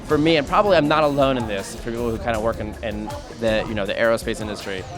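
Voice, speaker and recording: A man's voice: mid-range voice, quick pace. A man rambling casually as he answers in an interview. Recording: music behind.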